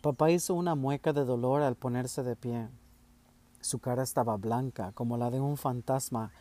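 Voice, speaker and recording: Brief: man narrating a first-person audiobook, measured and even. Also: mid-range voice. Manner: measured, steady storytelling.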